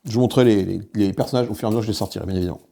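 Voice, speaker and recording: A man with a lowish, gravelly, dark voice talks very fast on his board game channel, taking viewers through a solo playthrough. He goes over the card rules while handling components, filling his speech with fillers and frequent restarts.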